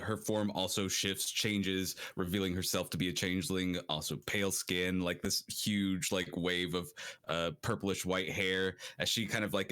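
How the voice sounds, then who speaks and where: A man's voice: low voice, a bit bright. A man narrating a tabletop game as game master, hesitant and full of fillers.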